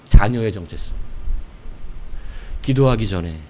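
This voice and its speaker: Animated man preaching a sermon. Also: fairly low pitch, unhurried, slight background noise. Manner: animated, playful, acts out prayers and quotes. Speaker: pastor.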